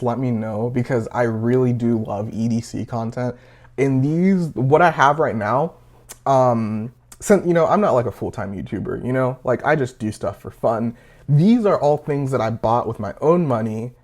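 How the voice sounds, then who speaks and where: A man's voice: medium pitch, lively intonation, normal speed, darkish tone. A nineteen-year-old man casually reviewing a pocket knife, rambling with lots of fillers and a little out of breath. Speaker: gear reviewer.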